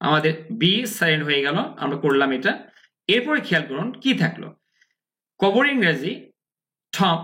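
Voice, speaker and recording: A man's voice: sits high, fairly bright tone. A man from Bangladesh teaching an English lesson, repeating words and coaching pronunciation step by step.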